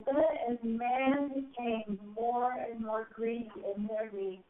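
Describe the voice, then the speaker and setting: A woman with a slightly high voice delivers a channeled spiritual message at a very slow, solemn pace, drawing out her phrases and letting them swell. She is heard through a tinny, narrow phone line. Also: steady tone. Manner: slow, solemn, drawn-out phrasing with soaring rises. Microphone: phone call.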